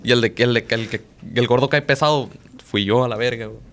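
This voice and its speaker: A man's voice: medium pitch, brisk, fairly bright tone. Slangy young Mexican man telling a story. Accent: Mexican Spanish. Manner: slangy, profane, rambling, quotes himself and others. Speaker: podcast co-host. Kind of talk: casual storytelling chat.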